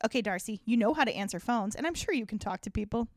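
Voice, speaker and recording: A woman's voice: on the high side, lively intonation, fast talker, no room sound, clean studio sound. A woman voicing an eager young male band leader while reading a story aloud. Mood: excited. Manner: read aloud with gusto.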